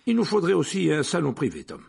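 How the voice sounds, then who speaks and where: A man doing a gravelly, brusque old-school minister. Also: a little high, huge pitch swings, quick pace, darkish tone, voice pushed up, full character voice. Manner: curt, fussy, officious. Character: plump, weary male government minister, brusque.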